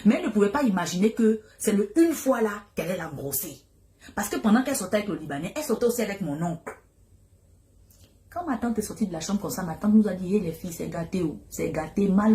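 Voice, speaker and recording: A young woman, casually telling a family story to her viewers with dramatic exclamations. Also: medium pitch. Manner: animated, dramatic retelling with exclamations.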